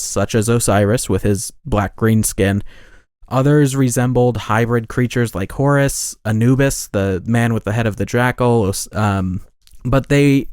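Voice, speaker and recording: A man's voice: mid-range voice, a little mellow, clean tone, dry recording, clean studio sound. A man hosting a podcast, talking casually in a rambling way with many restarts and self-corrections. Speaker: podcast host.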